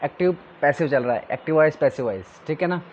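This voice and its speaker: A man's voice: a little high, expressive, quick pace, darkish tone, dull audio, slight background noise. A male teacher giving a classroom grammar lesson, drilling his students with questions and answers.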